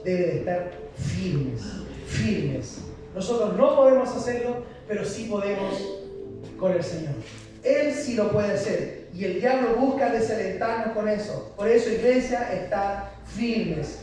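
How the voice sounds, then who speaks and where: High-voiced preacher in an echoey hall. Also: male voice, measured pace. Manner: impassioned preaching with rhetorical questions to the congregation. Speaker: pastor. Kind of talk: sermon. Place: church hall. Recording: echoey hall from far off with noise.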